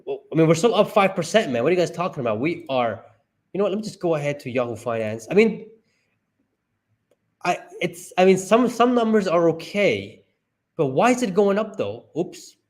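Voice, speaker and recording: A man streaming live commentary as he reads through a report, talking to himself and his viewers and breaking into excited high yelps. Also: moderate pace. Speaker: stock market streamer.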